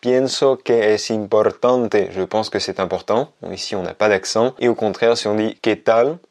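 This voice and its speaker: A man with a fairly low voice teaches a language lesson. He explains each point clearly and patiently and says every example sentence twice, slowly. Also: darkish tone. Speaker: Spanish teacher. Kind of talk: scripted lesson to camera.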